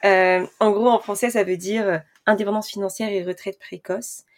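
A woman's voice: mid-range voice, steady tone, normal speed. Chatty young woman hosting a podcast. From France. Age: 20s. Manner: chatty, frequent hesitations and restarts. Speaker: podcast host. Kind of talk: casual podcast monologue.

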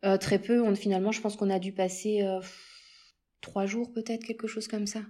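A woman being interviewed, chatting casually about a trip, animated and full of hesitations and repeated words. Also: medium pitch, moderate pace. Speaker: interview guest recounting a road trip.

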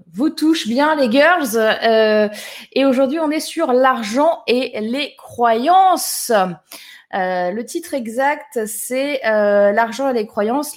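A woman hosting a live stream, chatting casually and greeting viewers by name. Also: high-pitched. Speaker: live show host.

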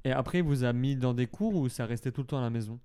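A man's voice: mid-range voice, fast talker, mellow, clear, resonant tone. A man hosting a podcast interview, friendly and encouraging. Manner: friendly, encouraging with short backchannels. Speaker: podcast host.

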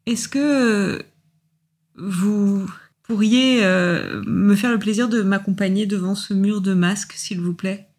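A socially awkward guest at a party asks polite, halting questions, as a woman acts her out. She hesitates often and fills her pauses, but stays courteous and curious. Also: medium pitch, fairly even intonation, darkish tone. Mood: hesitant, curious. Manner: hesitant, with many fillers.

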